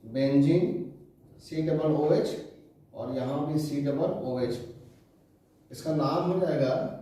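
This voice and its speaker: Male chemistry tutor, mellow mid-high voice, far off in a very echoey room. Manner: repeats key terms slowly, quizzes students. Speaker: chemistry teacher. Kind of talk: classroom lecture.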